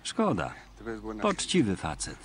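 Deep-voiced male voice-over reader. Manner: steady, measured reading of all parts. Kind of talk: voice-over reading of translated dialogue.

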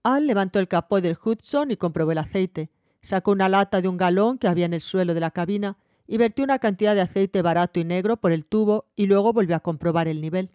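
Warm-voiced woman audiobook narrator. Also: mid-range voice, fast talker, no room sound, studio quality.

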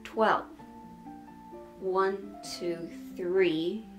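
A sleep-deprived young woman talks casually to camera in a small room. Her manner is goofy and rambling, and her voice sits at a medium pitch. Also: steady tone, drawn-out words, recorded from a distance, faint music behind. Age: young adult. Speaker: sewing vlogger. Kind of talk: casual sewing vlog talk to camera. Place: small bedroom, indoors.

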